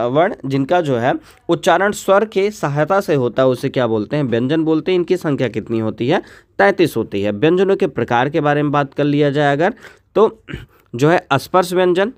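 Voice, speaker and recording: A man teaching a Hindi grammar lesson for an exam, asking questions and answering them himself, spelling out letters one by one. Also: a little high. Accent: North Indian Hindi.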